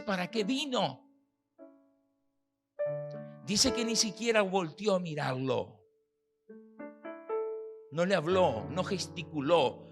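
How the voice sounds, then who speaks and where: A male pastor delivering a sermon, preaching emphatically with rhetorical questions and pauses. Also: sits high. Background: piano and keyboard music.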